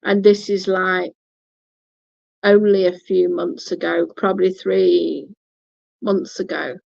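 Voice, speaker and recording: Slow-talking woman telling a story. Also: lowish voice, little pitch movement, creaky, darkish tone, dry recording. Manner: blunt, swears freely. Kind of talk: casual storytelling. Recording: dull lo-fi recording.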